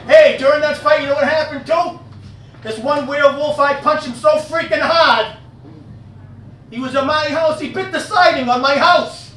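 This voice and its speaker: A man's voice: very high voice, measured pace, a bit bright, slight background noise. A man doing live stand-up in a werewolf persona, telling crude punchline jokes, working the crowd and laughing at his own gags. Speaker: stand-up comedian. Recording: echoey room heard from a distance.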